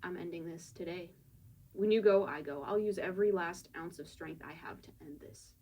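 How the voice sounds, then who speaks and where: A woman doing a calm, grimly resolved gunman. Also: normal speed, husky, distant mic. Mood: steady resolve. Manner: collected, low and steady. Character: grim, resolved young male gunman.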